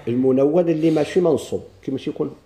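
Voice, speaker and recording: Moroccan male teacher, very dark mellow voice, drills the class with questions. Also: fairly high pitch. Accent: Moroccan Arabic. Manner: questions the class and answers himself, reads lines slowly. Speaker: grammar teacher. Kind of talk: classroom lesson explaining a text.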